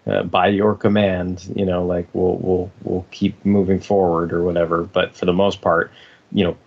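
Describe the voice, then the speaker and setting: A man co-hosting a casual fan discussion, rambling and circling back to rephrase his points. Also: low-pitched. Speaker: podcast co-host. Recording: slightly dull, lo-fi podcast audio.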